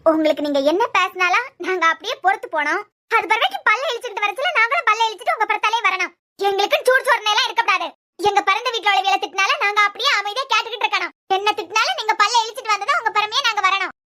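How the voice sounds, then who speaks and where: In this cartoon web series dialogue, a woman plays a proud young wife who fiercely defends her family. Her very high voice races along, bright and forceful, as she lectures with defiance and reproach in a Kanyakumari Tamil accent.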